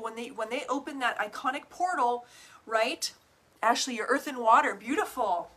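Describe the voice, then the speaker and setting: A woman's voice: on the high side, fairly bright tone, husky. A woman hosting a livestream as a coach, chatting to viewers in an effusive, theatrical, bubbly way. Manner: effusive, theatrical, bubbly greetings with whoops and pet names; casual swearing, checks in with "right?" and "okay?". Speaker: online group host and business coach.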